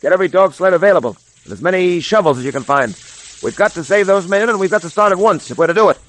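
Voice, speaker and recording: A brash, decisive hero of a 1930s radio adventure, with a fairly high voice. He gives orders with old-fashioned bravado on a vintage recording. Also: lively intonation, fast talker, poor audio. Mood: urgent, commanding.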